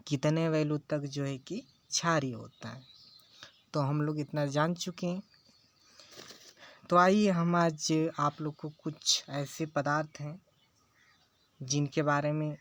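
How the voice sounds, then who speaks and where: A man teaching a lesson, who repeats key phrases and keeps checking in with his listeners. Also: on the high side. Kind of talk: slow classroom lecture.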